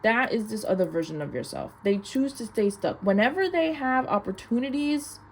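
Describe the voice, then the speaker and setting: A woman's voice: on the high side, lively intonation, normal speed. A young woman giving a casual, rambling mystical tarot reading in an informal, chatty way, saying "like" a lot. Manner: chatty, informal mystical card interpreter with heavy use of "like". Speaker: tarot card reader. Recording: clear background noise.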